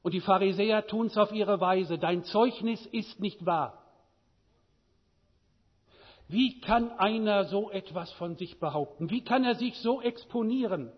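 A man preaching a sermon, with a measured delivery and many rhetorical questions. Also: high voice, husky, big-room sound, muffled recording.

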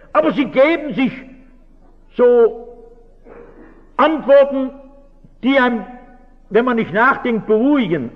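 A male pastor gives an earnest talk, pressing his listeners with rhetorical questions. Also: very high-pitched. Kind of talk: reflective talk to an audience. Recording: dull recording with long hall reverb.

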